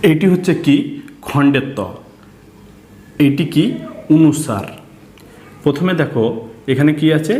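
A man with a Bangladeshi Bengali accent leads a children's reading lesson at an even middle pitch. He patiently sounds out letters one by one and keeps asking the class questions. His voice carries a noticeable echo from the room around him. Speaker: teacher.

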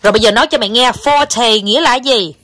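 A woman's voice: a little high, a little fast, a bit bright. A young Southern Vietnamese woman chatting at home in a casual family vlog, coaxing her child and talking to viewers, slipping English words in. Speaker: mother vlogging with her child. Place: home, indoors.

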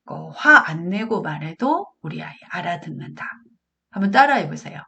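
A woman's voice: on the low side, big pitch swings, normal speed, creaky, sharp tone. A woman giving a parenting lecture, talking earnestly and straight to her listeners, now and then acting out what parents and children say. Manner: earnest, addresses audience directly, acts out parent and child quotes. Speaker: parenting educator.

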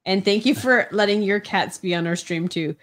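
Here a middle-aged woman with sniffles co-hosts a livestream, teasingly reading comments from the chat in casual conversation. Her voice is medium in pitch and her pace is moderate.

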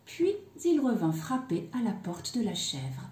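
Brief: childcare educator reading a fairy tale, unhurried, roomy echo. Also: female voice, mid-range voice. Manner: slow, expressive, with hushed phrases. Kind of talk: storytelling for young children. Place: daycare room. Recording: echoey room.

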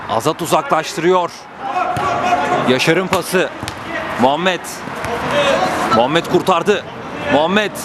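A man's voice: slow pace, long pauses. A man giving live football play-by-play in short, clipped phrases. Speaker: football match commentator. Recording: noisy outdoor pitch recording.

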